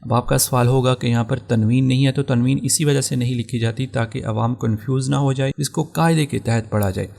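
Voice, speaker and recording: A man's voice: medium pitch, steady tone, vocal fry, hardly any pauses, darkish tone. A man teaching a Quran recitation rule in a patient lesson with a Pakistani Urdu accent. He goes over each rule again and spells out his examples one by one. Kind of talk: explaining tajweed rules step by step.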